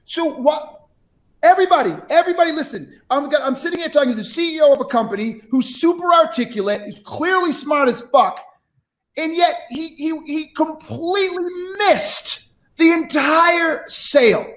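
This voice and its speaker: Blunt, very high-pitched male sales coach. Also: normal speed, a bit bright. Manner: blunt, emphatic, swearing freely; lecturing, peppered with rhetorical questions. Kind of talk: live unscripted sales coaching critique.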